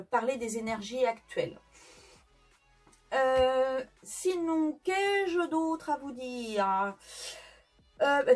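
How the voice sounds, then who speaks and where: A French woman giving a casual tarot reading, chatty and hesitant with many fillers and restarts. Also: sits high. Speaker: tarot reader. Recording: faint background music.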